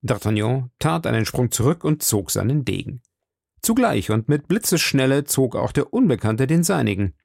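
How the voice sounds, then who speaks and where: A man reading a classic novel aloud as an audiobook narrator, steady and measured. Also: mid-range voice, creaky, no echo, clean studio sound. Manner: steady storytelling delivery. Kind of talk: scripted narration.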